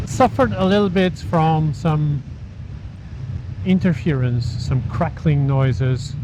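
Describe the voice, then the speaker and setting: A man vlogging casually and haltingly from inside a motorcycle helmet as he rides, with wind and engine noise. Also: a little high. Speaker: motovlogger. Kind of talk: casual vlog talk while riding. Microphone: small wireless mic inside helmet.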